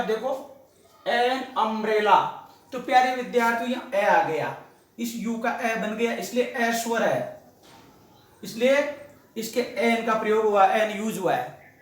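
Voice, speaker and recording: A male English teacher with an Indian English accent, giving a grammar lesson, addressing his students fondly and repeating words slowly for drill. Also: very high-pitched. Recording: echoey room.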